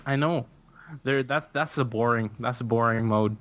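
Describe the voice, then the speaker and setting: A man's voice: medium pitch, normal speed, fairly bright tone. A man from Canada joking on a casual podcast call, giggly and drawn out in his banter. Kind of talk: casual group chat on a call.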